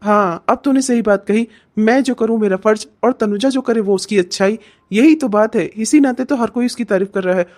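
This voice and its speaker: Grumpy jealous husband in a cartoon, voiced by a performer, mellow voice, sulky whining. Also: medium pitch, normal speed, lightly acted. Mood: irritated. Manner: irritated, sulky complaining. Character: grumbling jealous young husband. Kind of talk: cartoon voice acting.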